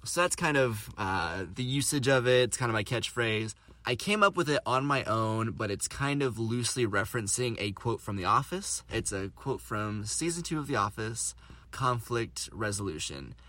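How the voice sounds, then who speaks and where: A young man hosts his own podcast, rambling through a casual storytelling monologue in a self-deprecating way, packed with fillers. His medium-pitched voice is expressive, bright and forceful, moving at a moderate pace. The recording is dry.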